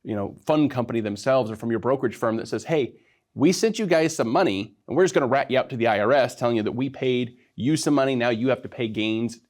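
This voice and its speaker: A man hosting a financial advice show, talking briskly and conversationally with wry asides. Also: medium pitch, darkish tone. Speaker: financial advisor host. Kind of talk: explanatory radio talk.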